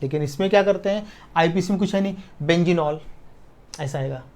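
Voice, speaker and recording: A man teaching a chemistry lesson at a board, dictating notes slowly word by word and checking that students follow, with in the technical terms. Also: on the high side, a little mellow. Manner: slow dictation, drawn-out words, frequent checks for understanding.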